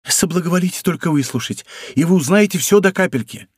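A man's voice: sits high, expressive, quick pace, husky, no echo, studio quality, pitched above the performer's own voice. A man voicing a frightened, servile innkeeper who pleads and whines. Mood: anxious. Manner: whining, servile.

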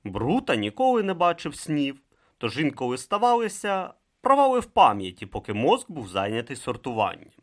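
An audiobook narrator reading with dramatic, expressive delivery. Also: medium pitch, moderate pace.

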